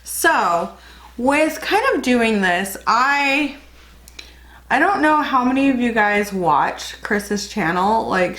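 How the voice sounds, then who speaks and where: Walking through a casual makeup tutorial, this young woman, a beauty vlogger nursing a slight cold, talks in a chatty, rambling way and often corrects herself. Her voice has a medium pitch and a fairly bright tone.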